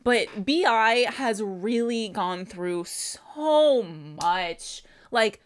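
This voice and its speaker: A woman's voice: fairly high pitch, expressive, drawn-out words. A young woman in her twenties reacting to a music video at home, gushing and squealing, with lots of fillers, into a studio mic. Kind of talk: excited casual reaction commentary. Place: bedroom at home, indoors. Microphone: studio mic with pop filter in front. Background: song playing in the background.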